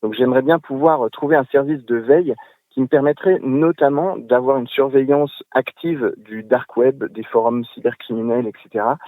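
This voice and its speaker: A man leaving a voice message for a podcast, hesitant and halting, stopping often to search for words. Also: mid-range voice, no echo, narrow, tinny audio. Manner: hesitant, many fillers and restarts. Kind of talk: recorded voice message.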